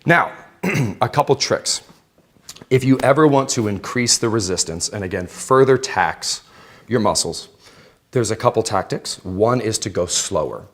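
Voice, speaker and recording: A man's voice: lowish voice, expressive, unhurried, a bit bright. A man giving a live exercise demonstration as an instructor, explaining in an informal, conversational way to participants. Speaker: fitness instructor. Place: indoor aerobics room with exercise bikes. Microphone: worn clip-on or headset mic.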